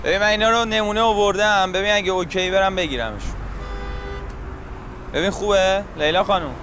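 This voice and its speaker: An actor playing a casual young man in a film drama, asking for approval in an easygoing way. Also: sits high. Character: young man setting up a restaurant. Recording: loud street traffic behind.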